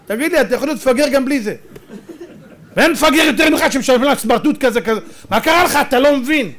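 A rabbi giving a dramatic, animated Torah sermon, acting out voices and shouting for emphasis. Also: male voice, very high-pitched, slight background noise.

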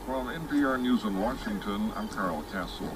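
A man's voice: on the low side, expressive, moderate pace, loud music behind the voice. A man voicing a radio newsreader, announcing formally through a radio. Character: radio newsreader in an animated film. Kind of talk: news announcing. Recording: distant radio sound, loud background noise.

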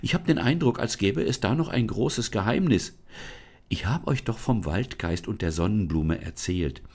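A man voicing an eager, curious young girl in a storybook reading, speaking brightly and lively. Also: fairly low pitch, moderate pace.

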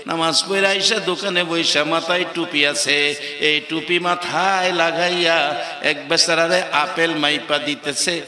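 Fervent high-voiced preacher, echoey hall. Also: male voice, fairly even intonation, a little slow, music in the background. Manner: fervent, rising to shouts, half-chanted delivery. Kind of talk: impassioned sermon.

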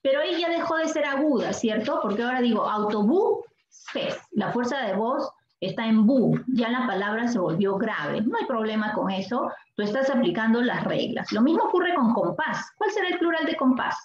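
A woman teacher with a Peruvian Spanish accent leads a language lesson, quizzing the students and stretching key words out slowly. Her voice sits a little high. It is recorded in an echoey room with a dull tone and faint noise behind it. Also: expressive. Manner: questioning, repeats words slowly to drill the class.

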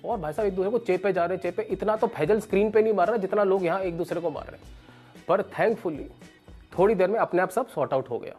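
A man in his thirties doing stand-up, telling comic stories and acting out other people's lines. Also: high voice. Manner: animated, acts out characters with raised voice. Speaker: stand-up comedian. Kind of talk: stand-up storytelling.

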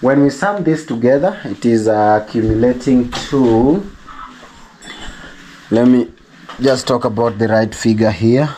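A man's voice: mid-range voice, measured pace, long pauses, a little hiss or hum. A man with a Kenyan accent chatting casually in a vlog, repeating himself and thanking supporters. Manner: chatty, repeats words, thanks donors warmly. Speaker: vlogger.

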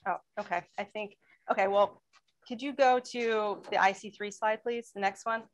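A woman speaking as a panelist in a webinar presentation, explaining in a steady way and asking for slide changes. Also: mid-range voice, moderate pace, low-quality recording. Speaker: federal law enforcement panelist.

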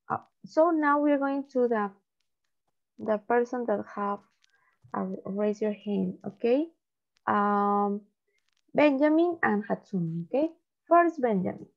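A woman teaching an online English class to children, modelling phrases slowly and explaining in Spanish. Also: a little high, vocal fry. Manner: patient, slow model reading, switches to Spanish to explain. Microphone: video call. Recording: dull lo-fi call audio.

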